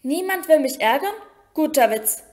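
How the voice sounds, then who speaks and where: High weepy ghost girl whining at everyone, a woman reading doing her. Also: expressive, moderate pace, a little mellow. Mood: whiny. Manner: whiny, tearful complaining. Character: moody weepy ghost girl, self-pitying.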